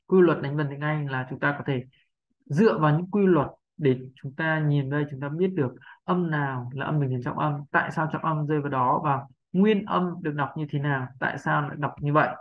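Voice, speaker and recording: A man explains a pronunciation lesson step by step, patient and checking in with his listeners. His voice sits a little high for a man. The recording is dull and lo-fi. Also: fairly quick. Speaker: English pronunciation teacher. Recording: dull lo-fi sound.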